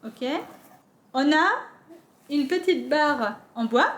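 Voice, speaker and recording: A woman's voice: high voice, lively intonation, slow, slight background noise. A French woman chatting casually as a book vlogger, unboxing with many fillers and restarts.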